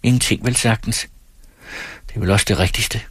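A man voicing a teasing, restless young married woman in a read-aloud story, in a lightly mocking, quick manner. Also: fairly low pitch, fairly bright tone, husky, no echo.

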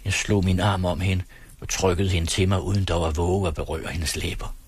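Husky man, low voice, measured first-person audiobook reading, dry close sound. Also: steady tone, no room sound. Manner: measured, earnest storytelling. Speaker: narrator.

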